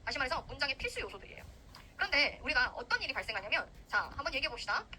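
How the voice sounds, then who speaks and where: A woman's voice: high-pitched, rapid-fire, a little hiss or hum, low-quality recording. A young woman teaching English grammar to civil service exam students in a recorded lecture, acting out the sentence parts as if they were quarrelling. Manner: lively, animated, acts out grammar parts in quarrelling voices.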